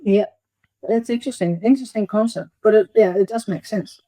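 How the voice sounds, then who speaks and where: Speaking briskly in a mellow, medium-pitched voice, an older emerita biology professor chats as an interview guest. English is not her first language, and the recording is dry.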